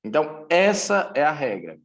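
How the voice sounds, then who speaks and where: A man from Brazil teaching English grammar in a recorded lesson, speaking deliberately and repeating key points. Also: on the high side, very animated, creaky.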